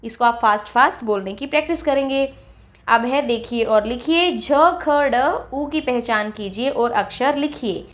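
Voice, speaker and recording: A woman teacher walking young children through a textbook lesson, reading each example word slowly and clearly. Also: on the high side. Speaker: primary school teacher.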